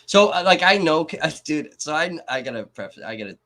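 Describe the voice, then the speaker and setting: A man's voice: on the high side, very animated, fairly quick, sharp tone. Man from Kenosha, Wisconsin, livestream host, profane, sarcastic ranting, live trial commentary.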